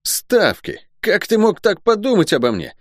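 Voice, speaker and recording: A boisterous soldier who gambles and jokes in a high, bouncing voice, as a male narrator puts him on. He blurts out loud, excitable exclamations and sounds as if he rarely sits still. This is a figure in an audiobook, in a dry, close sound. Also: moderate pace, dry recording. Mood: indignant.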